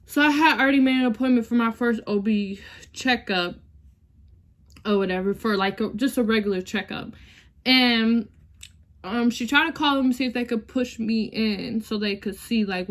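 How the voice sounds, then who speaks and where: Speaking at a moderate speed with a medium-pitched voice and fairly level intonation, a young adult woman vlogs about an emotional personal experience. Her manner is casual and talkative; she often calls her audience y'all and sometimes nearly breaks into tears.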